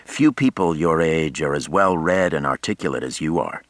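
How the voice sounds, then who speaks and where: A man's voice: a bass voice, lively intonation, normal speed, fairly bright tone, no room sound, exaggerated voice. A man voicing a charming, easygoing journalist of about thirty in an audiobook, wry and teasing. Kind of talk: audiobook character voice.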